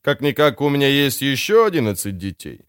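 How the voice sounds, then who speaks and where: Picture a sly, self-satisfied crime boss, smooth and expansive as he talks his way out of trouble, his pitch rising and falling freely. A man reads him in an audiobook, recorded dry and close. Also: big pitch swings, a little fast, no room sound, lightly acted. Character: vain sly older male crime boss. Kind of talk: audiobook character voice.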